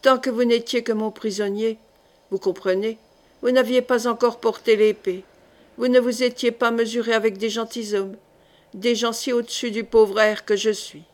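A woman reading the part of a gruff older male jailer in an audiobook, speaking slowly and with quiet irony. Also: on the high side, fairly even intonation, close to an everyday voice. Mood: calm ironic.

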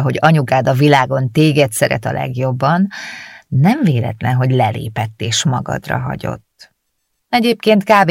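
A woman's voice: very deep voice, gravelly, darkish tone, no echo, clean studio sound, heavily acted. A woman reading an audiobook voices a teasing female friend who questions like an inspector and speaks sardonically. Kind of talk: audiobook character voice.

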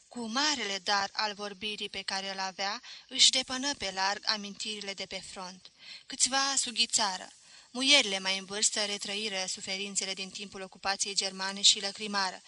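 A woman narrating a novel for an audiobook, measured and expressive. Her voice is very bright and clear-edged, recorded close and dry with no room sound. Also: mid-range voice, no echo. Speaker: audiobook reader.

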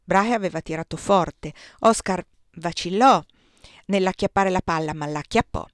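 A woman's voice: fairly low pitch, moderate pace, no room sound. Woman reading a novel in a dry room. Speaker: audiobook reader.

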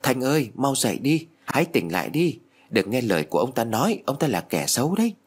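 A man voicing a friendly ghost urgently warning a girl, in a husky voice. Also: mid-range voice, sing-song, fast, voice pushed up.

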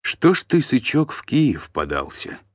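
A man voicing a stern, calm warlord who speaks quietly and with menace. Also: measured pace, no room sound. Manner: stern, low-key, menacing.

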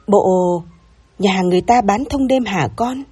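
A fretful old grandmother full of suspicion, as a woman storyteller puts her on, muttering her worries in a soft, husky, mellow voice. Faint music plays under this narrated audio story. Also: mid-range voice, normal speed. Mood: wary.

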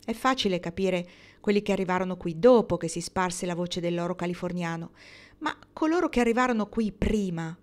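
A woman reading the part of a composed, quietly curious woman who runs a gaming table, speaking calmly and probing gently. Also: on the low side, natural voice. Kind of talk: audiobook reading.

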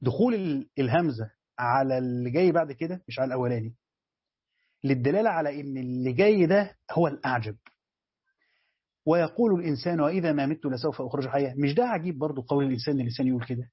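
An Egyptian man teaches a commentary lesson at a brisk pace. His voice sits a little high and sounds husky. The recording is dry and dull. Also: no echo. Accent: Egyptian Arabic. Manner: reads a passage aloud, then explains it with rhetorical questions. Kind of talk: explaining a classical text line by line.

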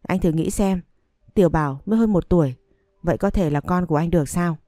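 A woman voicing a calm, resolute young woman who firmly rejects her former lover in a read-aloud story. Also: fairly low pitch, a little fast, no echo, studio quality, faint music behind, natural voice.

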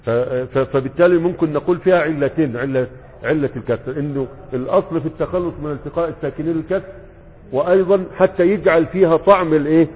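A man's voice: on the high side, fast talker, slightly rough. A man with an Egyptian Arabic accent teaching a grammar lesson as a sheikh. He asks questions and answers them himself, and he stretches out the example words. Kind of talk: classroom lesson. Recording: phone-like sound with long reverb.

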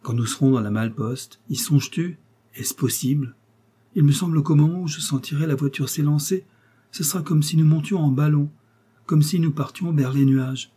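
A man's voice: a little high, normal speed, warm tone, husky, voice pushed up. A man voicing a passionate, restless young woman in a novel reading, pleading and emphatic. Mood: dreamy.

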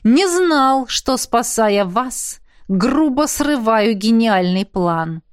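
A woman's voice: a little high, normal speed, no room sound, lightly acted. A sarcastic male guard captain from a fantasy audiobook, as a woman reads him. His lines drip with venomous irony, delivered in a close, dry sound.

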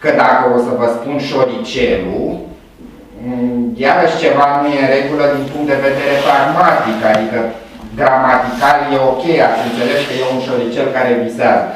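A man's voice: mid-range voice, slight background noise. Man lecturing in an echoey classroom. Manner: lively, playful explanations with sound effects. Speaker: university lecturer. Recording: echoey room from far off.

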